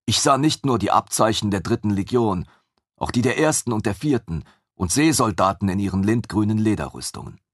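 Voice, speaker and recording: Low husky guy reading a fantasy audiobook, steady, dry close mic. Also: brisk, dry recording. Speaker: audiobook narrator. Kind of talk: first-person audiobook narration.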